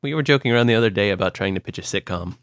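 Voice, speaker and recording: Rapid-fire and lowish, a young Ohio man co-hosting a podcast rambles casually through his stories, stumbling over fillers and restarts as he chats. The recording is dry.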